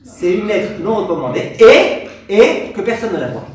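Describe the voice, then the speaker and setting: A man teaching a Torah class as a rabbi, animated, acting out angry exchanges and quizzing his audience. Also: high-pitched, normal speed. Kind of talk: lively Torah lesson to an audience. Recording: very echoey room, voice from far off, faint hiss.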